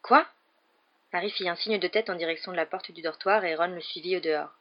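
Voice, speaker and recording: A woman reading an audiobook in a steady, measured way, in a dull lo-fi recording. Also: on the low side. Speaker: audiobook reader. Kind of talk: audiobook narration.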